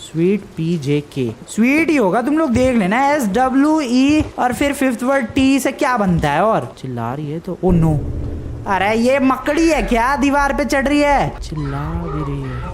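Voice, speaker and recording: A man's voice: high-pitched, animated, moderate pace, slight background noise. A man commentating a horror game for viewers, jumpy and easily frustrated, yelping at scares. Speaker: gaming YouTuber.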